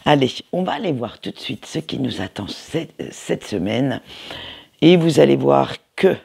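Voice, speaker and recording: A man's voice: medium pitch, lively intonation, unhurried, gravelly, a little mellow, husky. A man giving a casual weekly tarot reading, hesitant and full of fillers and restarts. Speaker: tarot card reader.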